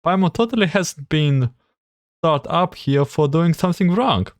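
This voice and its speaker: A game streamer giving casual playthrough commentary and reading text aloud, a little haltingly. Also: mid-range voice, expressive, no echo, studio quality.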